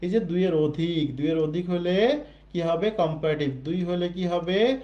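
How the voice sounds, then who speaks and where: Male teacher with a muffled, mellow voice. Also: high voice, moderate pace. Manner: explains patiently, repeats key points and asks questions he then answers himself. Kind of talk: recorded exam-prep grammar lesson.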